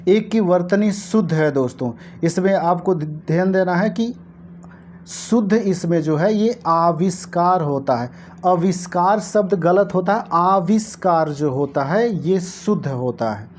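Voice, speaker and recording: A woman with a fairly low, mellow voice walks viewers through past exam questions in a teaching tone. She repeats key words slowly and keeps addressing her audience directly. Faint noise sits under the recording. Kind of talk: Hindi exam lesson, going through a past paper.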